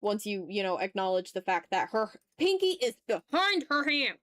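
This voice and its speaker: An illustrator hosting an art livestream draws while talking to her viewers, joking in a relaxed, mildly sweary way. Her mid-range voice swings widely in pitch at a normal speed and sounds a bit bright, captured in a dry recording.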